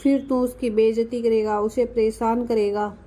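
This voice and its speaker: Woman reading a calm, wry village father. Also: a little high, normal speed, lightly acted.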